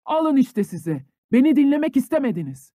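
A desperate young peasant conscript out of an old village tale, as a man reads him aloud, heavy with grief and quick to rage. His voice climbs high when he yells, dark and mellow in tone, and sits close and dry on the mic. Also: animated, dry recording. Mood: enraged shouting. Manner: grief-stricken, turning to furious shouting.

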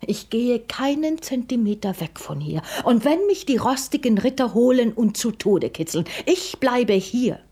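Woman voicing a shy young prince, soft, breathy, stubborn, storybook. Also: on the high side, animated, measured pace, hardly any pauses, pitched above the performer's own voice, heavily acted. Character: shy young prince who loves the forest.

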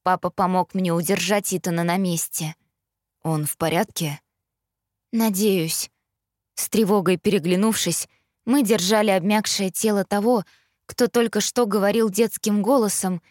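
A woman's voice: medium pitch, normal speed, dry recording, studio quality. A woman narrating a first-person novel, reading steadily as an audiobook narrator. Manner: steady storytelling read.

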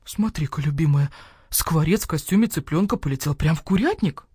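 A woman voicing a small, fit male mini-pig who speaks tenderly and gravely to his wife. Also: deep voice, animated, brisk, darkish tone, no room sound, studio quality. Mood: earnest.

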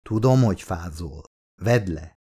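A man's voice: sits low, animated, mellow, breathy edge. A male audiobook reader voicing a vulgar, joking young man who teases his partner. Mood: teasing. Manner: vulgar, teasing banter. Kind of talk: audiobook character voice.

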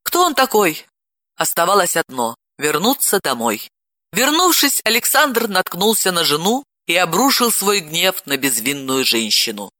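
Выразительный мужской голос чтеца. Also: male voice, sits high, normal speed, no room sound, clean studio sound. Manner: expressive, dramatic reading. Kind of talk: audiobook narration.

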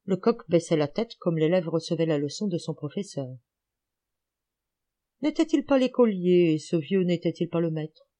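A woman narrating a classic novel as an audiobook, in a measured storytelling manner. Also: on the low side, animated, warm tone. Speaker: audiobook reader.

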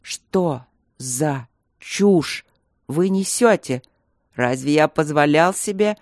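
A woman's voice: sits low, moderate pace, darkish tone, no echo, clean studio sound, lightly acted. A woman voicing a cold, irritated male professor in an audiobook, speaking curtly through her teeth. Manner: curt, clipped, through teeth.

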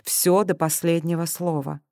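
Спокойный, уверенный полковник полиции, говорит коротко и по-деловому, его озвучивает чтица. Сухой близкий звук аудиокниги. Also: female voice, lowish voice, measured pace, dry recording, studio quality. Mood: calm. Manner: calm, commanding. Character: older male police colonel, calm and steady.

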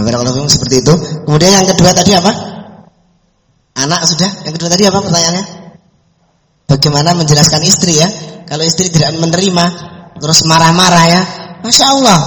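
A man's voice: fairly high pitch, a bit bright. A middle-aged man, giving a folksy, conversational religious study talk as a preacher answering questions. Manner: conversational and folksy, mixing in anecdotes. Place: mosque hall. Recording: echoey mosque hall reverb.

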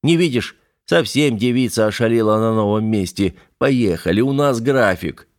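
A man reading a storybook, voicing an older mechanic who speaks slowly and softly, with a fatherly calm. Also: mid-range voice, no echo, studio quality, close to an everyday voice. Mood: decisive. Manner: slow, soft, unhurried.

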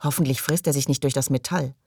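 A man reading a panicked male space explorer in an audiobook, calling out hoarsely and urgently. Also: mid-range voice, steady tone, fast talker, darkish tone, no room sound. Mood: anxious.

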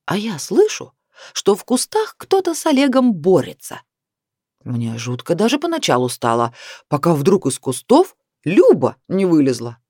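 A wry, teasing middle-aged husband, as a woman reader puts him on, telling things with a lively, rising-and-falling delivery. The voice sits fairly low and sounds dry and close. It is a storybook read aloud. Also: normal speed, slightly rough, dry recording, full character voice. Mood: amused.

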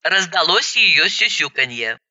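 A woman's voice: lowish voice, very animated, unhurried, sharp tone, no echo, highs cut off. A woman narrating a first-person story aloud, expressively acting out the dialogue.

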